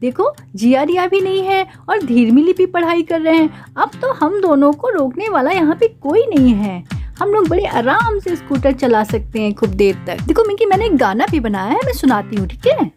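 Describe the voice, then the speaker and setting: A woman's voice: very high voice, very animated, moderate pace, a little mellow, faint music behind. A woman voicing a playful, cheeky little girl doll in a doll play story, talking in a sing-song, boastful way.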